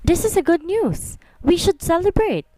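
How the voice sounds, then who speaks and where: A woman's voice: fairly high pitch, very animated, moderate pace, darkish tone, no room sound. A woman doing a gushing rich mother-in-law. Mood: delighted.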